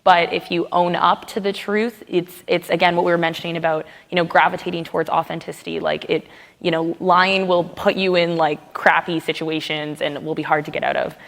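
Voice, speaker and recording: Young woman panelist, earnest, filler-heavy casual talk, low voice, hall reverb. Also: level tone, fairly quick, vocal fry.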